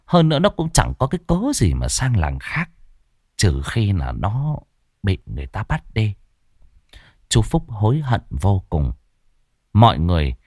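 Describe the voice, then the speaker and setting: A man narrating a ghost story in an expressive storytelling manner. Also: lowish voice, no room sound, studio quality.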